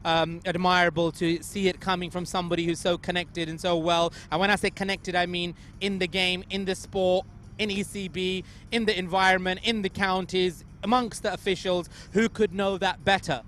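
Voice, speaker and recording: A high-pitched man with a bright, forceful voice interviews players pitchside at a night cricket match. He talks effusively and keeps directing the players and the camera. Faint outdoor traffic noise sits behind him. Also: level tone, normal speed.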